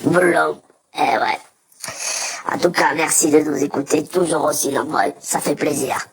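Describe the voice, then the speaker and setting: A woman impersonating a laid-back, vain man who hosts radio, speaking in a lazy, low voice. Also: unhurried, gravelly, a little hiss or hum.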